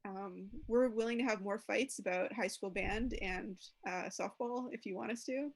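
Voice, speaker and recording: A woman co-host recapping past topics in a relaxed way, with many fillers. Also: medium pitch, moderate pace. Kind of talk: casual chat on a video stream.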